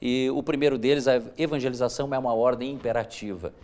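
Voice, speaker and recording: A man's voice: mid-range voice, fairly even intonation, fast, darkish tone. A pastor, explaining his church's mission work earnestly, as a guest on a televised church interview. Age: 40s.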